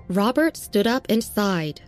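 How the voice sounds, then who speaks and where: A woman narrating a serialized audio story in a steady, even reading. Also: medium pitch, slow pace, soft background music.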